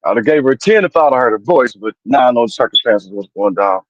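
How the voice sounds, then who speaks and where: A man's voice: medium pitch, animated, fast, dry recording, lo-fi sound. A man chatting casually as a panelist rating songs, informal and emphatic, repeating his points. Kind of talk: casual chat.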